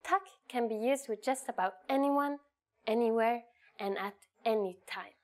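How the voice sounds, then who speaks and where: A woman's voice: a little high, a little mellow. A woman with a Norwegian accent hosts a scripted language lesson, speaking in an instructional way and enunciating phrases carefully. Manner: clear, instructional enunciation with slowly repeated phrases. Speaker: language teacher and lesson host.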